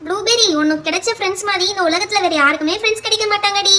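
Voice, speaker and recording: A kind middle-aged aunt doll, voiced by a performer, fussing and thankful toward the children. Her voice is very high, quick and bright. This is doll pretend-play acting. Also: slight background noise. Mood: grateful.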